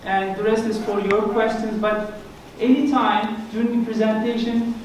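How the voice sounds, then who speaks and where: A high-voiced man with a thick Turkish accent, giving an earnest explanatory talk. He sounds set back from the mic in a very echoey church hall. A faint hiss sits under his voice. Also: flat delivery, normal speed, distant mic. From Turkey. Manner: earnest, explanatory, self-deprecating humor. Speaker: guest speaker. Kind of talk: church presentation on Islam.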